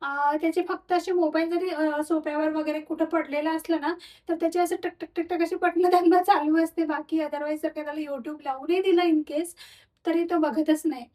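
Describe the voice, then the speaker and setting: High-voiced chatty mom vlogging at home. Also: female voice, fairly even intonation, normal speed, warm tone, recorded from a distance. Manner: chatty, mixes English words, soothes a crying baby. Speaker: vlogger mother. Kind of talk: casual home vlog chat. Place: home, indoors.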